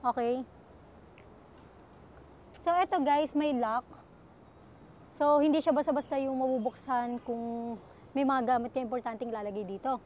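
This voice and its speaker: A woman with a bright, high-pitched voice sells used cars in a casual vlog. She fills her talk with fillers and keeps calling her viewers "guys" as she walks around a pickup. Faint ambient noise from the lot stays behind her voice. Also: fairly even intonation, measured pace, pauses often. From Philippines. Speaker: used car dealer salesperson. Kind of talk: casual car walkaround vlog.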